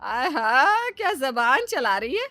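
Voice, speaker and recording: A bossy cartoon mother-in-law voiced by a woman, high and bright with a sharp edge to her taunts. Her pitch leaps around as she scolds, and the sound is close and dry. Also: very animated, takes it slowly, no room sound, heavily acted. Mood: scolding. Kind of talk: cartoon story acting.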